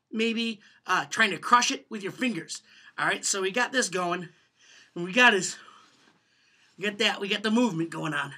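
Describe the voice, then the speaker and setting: A man talking through a mock tutorial in an offhand, deadpan way, full of fillers and pauses. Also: high voice. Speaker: home video presenter.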